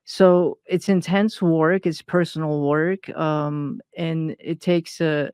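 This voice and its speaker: A woman's voice: low-pitched, fairly even intonation, slow pace, darkish tone, smooth, dry recording, studio quality. A woman from Iran, a consultant giving an interview, talks hesitantly with many fillers and restarts. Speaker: guest, intuitive consultant. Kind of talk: personal interview talk.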